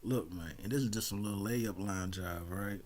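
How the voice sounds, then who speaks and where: A man's voice: fairly low pitch, normal speed, a little hiss or hum. Man, casual streamer. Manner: conversational, peppered with slang and shout-outs. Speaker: livestream host. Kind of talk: casual livestream chat, slangy.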